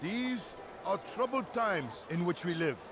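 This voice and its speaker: A man's voice: high-pitched, very animated, measured pace, noisy background. An actor playing a zealous street orator in a video game, proclaiming and persuading like a salesman to a crowd. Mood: persuasive, proclaiming. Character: zealous male street orator preaching a patron's promises to crowds.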